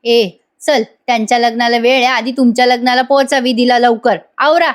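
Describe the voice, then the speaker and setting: A woman's voice: on the high side, steady tone, brisk, close to an everyday voice. A woman voicing a fussy mother who scolds and hurries her grown sons along. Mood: scolding. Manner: scolding, hurrying everyone along.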